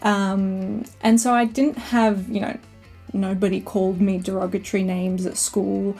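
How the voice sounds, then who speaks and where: A woman's voice: medium pitch, level tone, a little slow, darkish tone, faint music behind. A woman, a podcast guest who tells her story in a reflective way. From Australia. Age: 30s. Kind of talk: podcast interview.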